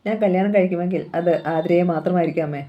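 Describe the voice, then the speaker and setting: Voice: mid-range voice, steady tone, quick pace, dull audio, lightly acted. A storyteller reading a novel aloud, voicing a young man who earnestly pleads with his mother. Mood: pleading.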